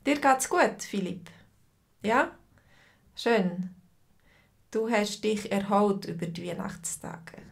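A woman's voice: mid-range voice, animated, slow pace, vocal fry, long pauses. A woman teaching a live online language lesson over a video call, patiently greeting students by name and asking how they feel.

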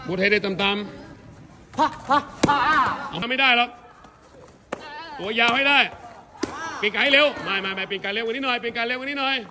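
Guy with a high voice running taekwondo drills, counting down and barking quick commands, lots of gym noise behind. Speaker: taekwondo coach. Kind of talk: coaching a training session.

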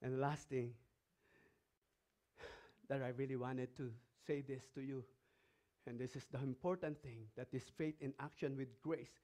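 Emphatic Filipino-accented pastor preaching. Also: male voice, medium pitch, fairly even intonation, moderate pace, long pauses, warm tone. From Philippines. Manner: emphatic, asks the congregation rhetorical questions; reads scripture passages aloud between remarks. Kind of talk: sermon.

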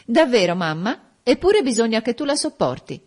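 A woman's voice: fairly low pitch, animated, brisk, darkish tone. A woman reading an audiobook voicing a haughty, commanding young noblewoman. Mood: imperious. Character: imperious proud young noblewoman.

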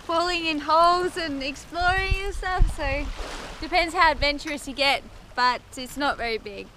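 A woman's voice: high-pitched, moderate pace, background noise. A woman, chatting easily to an action camera held at arm's length on an island beach. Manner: relaxed, laughing, easygoing. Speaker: sailing vlogger. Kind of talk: casual chat to camera.

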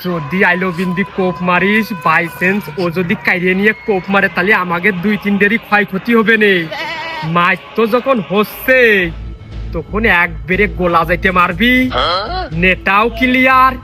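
A man's voice: sits high, moderate pace, music in the background, close to an everyday voice. A man voicing a bossy male gang elder who gives commanding instructions in a comic sketch.

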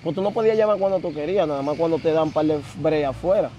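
A young man, telling his story as an interview guest in slangy, animated casual talk. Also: on the high side, fast, dull audio, a little hiss or hum. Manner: animated, slangy, repeats filler words.

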